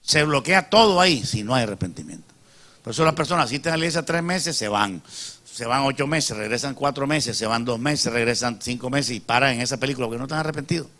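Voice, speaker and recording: A man preaching from the pulpit in a steady mid-pitched voice. He punctuates his points with calls of amen and rhetorical questions to the congregation. His delivery swings between quiet, low asides and loud, emphatic peaks. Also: quick pace. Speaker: pastor. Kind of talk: preaching a sermon.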